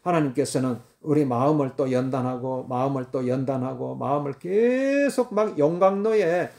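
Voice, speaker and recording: A man's voice: medium pitch, normal speed, gravelly, a little mellow. A man preaching a sermon in an emphatic, repetitive way, full of fillers and restarts.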